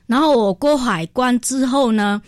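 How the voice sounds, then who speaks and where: A woman's voice: a little high, unhurried, dry recording. Woman from vietnam telling her story on radio, kinda hesitant, dry close sound. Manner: hesitant, many fillers, laughs through the telling. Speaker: guest. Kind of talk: telling a personal story on a radio talk show.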